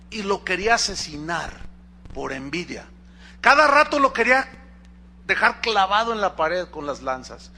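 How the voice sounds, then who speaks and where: Mexican pastor preaching, bright ringing voice, acts out the quotes. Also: male voice, high voice. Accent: Mexican Spanish. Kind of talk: sermon.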